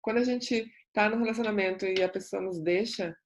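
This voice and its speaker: A woman's voice: medium pitch, fairly quick. Earnest woman sharing testimony. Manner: earnest, reflective, repetitive emphasis. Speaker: self-development coach. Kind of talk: personal testimony monologue.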